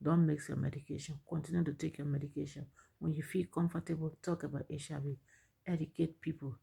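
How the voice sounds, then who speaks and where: Middle-aged Liberian woman, lowish husky voice, earnest testimony with repeated points. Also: flat delivery, fairly quick, dark tone. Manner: earnest, repeats phrases for emphasis. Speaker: speaker sharing her story. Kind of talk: personal testimony, advice.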